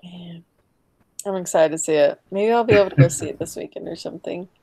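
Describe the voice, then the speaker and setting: A woman's voice: lowish voice, fairly quick, mellow, no room sound. A woman in casual chat, giving short eager reactions and laughing along.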